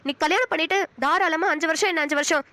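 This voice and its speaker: A woman's voice: very high-pitched, fast talker, sharp tone. A woman voicing an emotional, persuasive middle-aged aunt in a cartoon. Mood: pleading. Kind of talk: Tamil cartoon dubbing.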